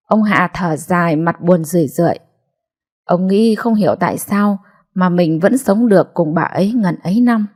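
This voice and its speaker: A woman narrating a family drama in a steady, measured storytelling voice. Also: on the low side.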